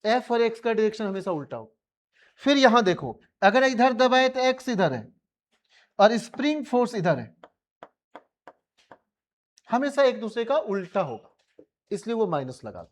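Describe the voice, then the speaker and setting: A man's voice: very high voice, very animated, normal speed, pauses often. Coaxing Indian physics teacher, man. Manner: colloquial, coaxing students with repeated questions. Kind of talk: classroom revision lecture.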